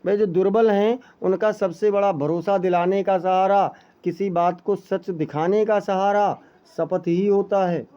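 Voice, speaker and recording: A man with a high, mellow voice teaches an exam-prep lesson, posing questions to the class and answering them himself. He speaks to his students as children. The recording sounds dull and lo-fi. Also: steady tone, a little slow, smooth. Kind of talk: exam-prep lesson explaining Hindi texts.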